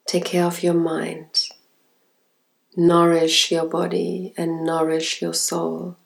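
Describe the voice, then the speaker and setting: A woman speaking as an intimate ASMR relaxation guide, soft, soothing and sensual. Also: lowish voice, completely flat delivery, low-quality recording. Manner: slow, soft, sensual, soothing delivery with breathy whispered words.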